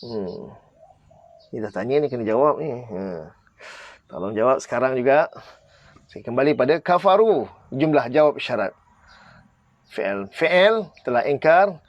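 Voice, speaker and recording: A man's voice: medium pitch, animated, normal speed, pauses often, dry recording, muffled recording. Malaysian man teaching a live grammar class. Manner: quizzes viewers, presses them to comment and answer. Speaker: Arabic teacher.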